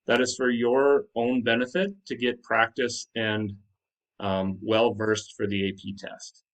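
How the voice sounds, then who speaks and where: A man's voice: medium pitch, level tone, measured pace, fairly bright tone. A man teaching like a teacher to his class, explaining step by step in an instructive way and posing questions to check understanding. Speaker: high school math teacher. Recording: distant microphone.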